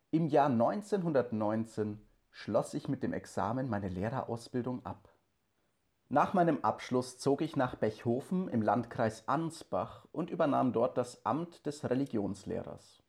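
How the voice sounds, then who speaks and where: A man's voice: mid-range voice, vocal fry. A man reading as an earnest 1920s teacher and cantor. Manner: calm, measured reading. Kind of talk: scripted first-person narration.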